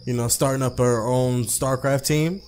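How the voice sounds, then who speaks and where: Slight background noise sits under a man's steady, medium-pitched, slightly mellow voice as he reads a visual novel aloud for a let's play at normal speed. He keeps it conversational, adding casual asides and tripping over and rereading lines.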